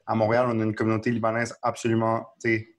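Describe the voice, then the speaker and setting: A man's voice: lowish voice, monotone, racing. A man with a Quebec French accent explaining the news in an earnest, casual discussion, often restarting his sentences. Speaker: podcast co-host. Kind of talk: casual current-affairs discussion.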